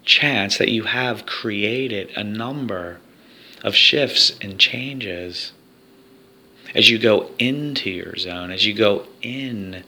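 Slow gravelly man guiding hypnosis. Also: lowish voice, sharp tone. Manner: slow, soothing, repetitive hypnotic delivery. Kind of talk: guided hypnosis recording.

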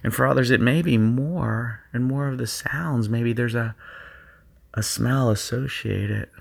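A man coaching student athletes through a guided visualization recording, speaking in a slow, soothing, hypnotic cadence full of repetition. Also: mid-range voice, gravelly, husky. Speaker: sports performance coach.

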